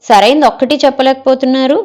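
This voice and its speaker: A woman's voice: high-pitched, fairly even intonation, fast, a little mellow, voice pushed up, close to an everyday voice. A woman reading the part of a picky middle-aged wife in an audio story, scolding and rejecting every suggestion.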